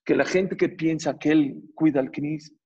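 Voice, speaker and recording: A rabbi preaches in a husky, fairly high voice. He talks in emphatic, animated rises and repeats key phrases. The sound is dull and lo-fi. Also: unhurried. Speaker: rabbi teaching a Torah class. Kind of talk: sermon. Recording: dull lo-fi recording.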